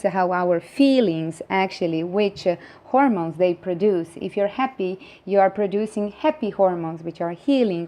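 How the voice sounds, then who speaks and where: A woman's voice: mid-range voice, darkish tone. A middle-aged woman from Croatia with a Croatian accent talks earnestly to camera, rambling with many fillers and restarts. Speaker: vlogger. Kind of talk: casual monologue to camera.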